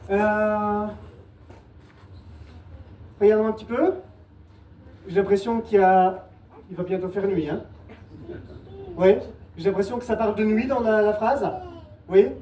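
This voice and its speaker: A woman's voice: medium pitch, steady tone, a little slow, long pauses, mellow. Playful woman guiding volunteers on stage. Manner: playful, repeats instructions patiently. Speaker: stage mentalist. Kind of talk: live stage show with audience volunteers. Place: live show venue with audience. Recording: echoey, distant mic, noisy live room.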